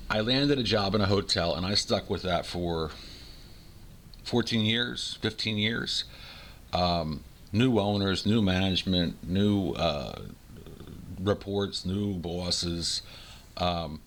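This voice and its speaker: A man's voice: low voice, a bit bright. A man in his forties giving a first-person rant, complaining in a blunt, exasperated and informal way. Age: 40s. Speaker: career chef.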